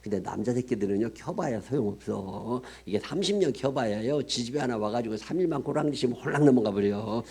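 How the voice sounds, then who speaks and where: Male revival preacher, mid-pitched, blunt and folksy, call-and-response lines. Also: animated, a little fast, hardly any pauses, slightly rough. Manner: folksy and blunt, leads call-and-response, swings loud for emphasis. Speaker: pastor. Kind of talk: revival sermon. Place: church sanctuary.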